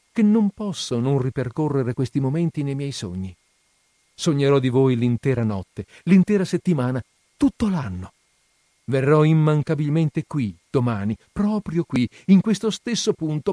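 A man's voice: mid-range voice, dark tone, no echo. A man narrating an audiobook of a classic novel in the first person, with an impassioned, emotional delivery.

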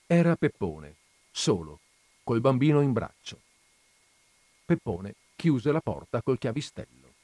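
A man narrating a literary story as an audiobook in an expressive storytelling manner. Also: medium pitch, measured pace, long pauses, dry recording.

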